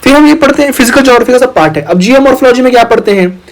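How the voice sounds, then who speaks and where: A man's voice: very high-pitched, animated, racing, low-quality recording. A young man teaching an online exam-prep lecture, talking playfully and teasing his students as their big brother.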